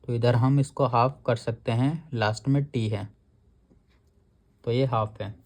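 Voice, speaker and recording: A man's voice: medium pitch, steady tone, measured pace. A man teaching a shorthand lesson, explaining each rule step by step and reading the rule text aloud word by word.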